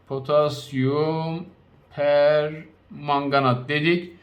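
A male chemistry teacher giving a recorded lesson, addressing his students directly and spelling out compound names slowly, with frequent recaps. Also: fairly high pitch.

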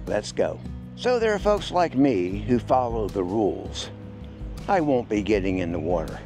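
Over background music, a sixty-something hiker narrates his outdoor travel vlog with plain, folksy talk. His voice runs on the low side, very animated, at a normal speed.

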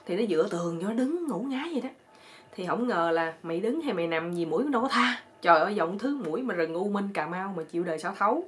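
A woman's voice: medium pitch, quick pace. Chatty woman storyteller. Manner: lively, chatty, full of exclamations. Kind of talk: comic storytelling.

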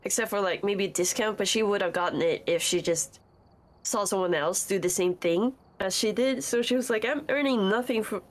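A woman's voice: medium pitch, brisk. A woman in a casual group chat recounting gossip with laughs and swearing.

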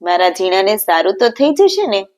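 A woman voicing a grieving elderly mother with steady faith in a narrated devotional story, read in an earnest, pleading way. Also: medium pitch, normal speed, lightly acted. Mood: devout.

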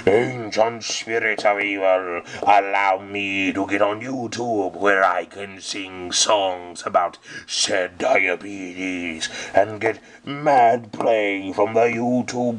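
A man voicing deep mock-menacing mummy villain Mumm-Ra. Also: fairly bright tone, a little hiss or hum. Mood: boastful. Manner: slow, deep, mock-menacing drawl with sung jingles. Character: scheming vain male mummy sorcerer villain. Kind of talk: toy figure parody play.

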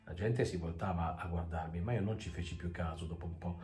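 A man reading a story aloud as a narrator, measured and dry, in an echoey room with faint music. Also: deep voice, fairly even intonation. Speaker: audiobook reader. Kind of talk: scripted narration.

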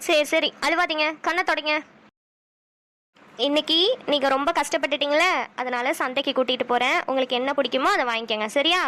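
A woman voicing a sharp-tongued but loving village mother with a Kanyakumari Tamil accent, who talks briskly and snaps back quickly. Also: sits high. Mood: storytelling. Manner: brisk, chatty, quick retorts.

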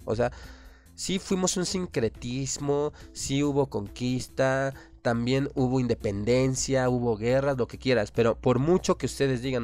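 A man's voice: mid-range voice, darkish tone. A man with a Mexican accent hosting a radio show, delivering an impassioned, opinionated monologue full of rhetorical questions.

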